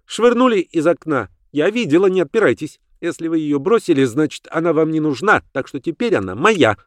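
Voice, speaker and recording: A man voicing a defiant, scruffy girl of about eight, with a shrill, stubborn, cheeky way of talking. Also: sing-song, a little fast, no echo, clean studio sound. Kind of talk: audiobook character voice.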